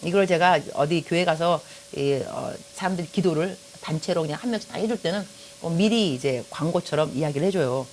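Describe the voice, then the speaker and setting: Middle-aged female pastor from Korea, lower register, rapid delivery, chatty anecdotal sermon that speaks straight to the congregation. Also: slight background noise. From South Korea. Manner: lively storytelling, joking, addresses the audience directly.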